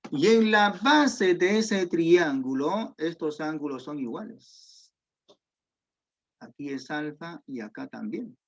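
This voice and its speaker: Male math teacher, high voice, slow unhurried delivery, quizzes the class as he explains, muffled lo-fi call audio. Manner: patient, explains step by step, asks students questions. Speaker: secondary school math teacher. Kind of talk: online geometry class. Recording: dull lo-fi audio.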